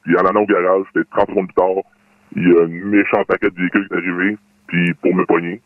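A man in his thirties with a Quebec French accent and an electronically lowered, disguised voice, haltingly telling his story as an anonymous caller. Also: little pitch movement, no room sound. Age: 30s. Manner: hesitant, plain storytelling with many fillers. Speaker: anonymous caller confessing a secret. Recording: tinny phone-like line, dry.

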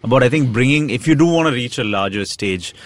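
Man, Indian accent, mid-pitched, brisk conversational delivery, dry recording. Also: lively intonation, dry recording. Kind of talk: casual conversation.

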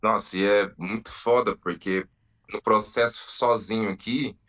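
A man in his thirties, a band founder, telling his story in an earnest, drawn-out way with pauses. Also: fairly low pitch, steady tone, fairly bright tone. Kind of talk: reflective storytelling.

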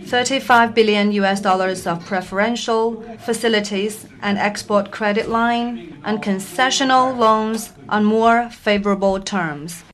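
A woman interpreter speaking a translation voice-over of a formal speech, in a measured, formal delivery. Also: medium pitch.

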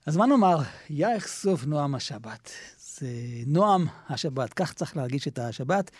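A man hosting a radio show, enthusiastic and quick to chime in with short reactions. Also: fairly high pitch, big pitch swings. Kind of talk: casual radio chat.

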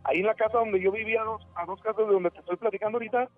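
A man in his forties rambles through a ghost story as a radio caller. He stumbles and restarts often. His fairly high voice comes through a thin, tinny phone line with faint music behind it. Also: steady tone, rapid-fire. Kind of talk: telling a ghost story on a call-in show. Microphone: telephone.

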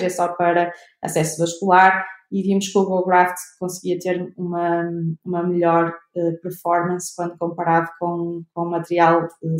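A woman's voice: lowish voice, echoey room. A young woman with a European Portuguese accent, a researcher answering interview questions, hesitant with many fillers and restarts. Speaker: researcher guest.

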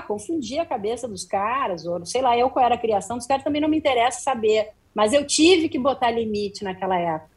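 A middle-aged woman, a guest journalist telling stories in an interview, acting out the dialogue. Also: fairly high pitch. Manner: animated, acts out quoted dialogue. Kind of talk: interview storytelling. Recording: slightly distant from the mic.

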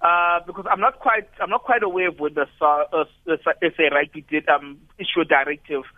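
High-voiced man on a tinny phone line. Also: no room sound. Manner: measured, restarts phrases, builds arguments. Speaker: studio guest commentator. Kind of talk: radio talk analysis.

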